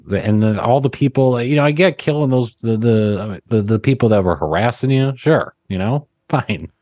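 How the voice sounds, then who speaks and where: A man as a podcast guest, chatting about a film in an animated, halting way. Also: mid-range voice, dry recording. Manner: animated, halting, laughs a lot. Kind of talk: casual film discussion.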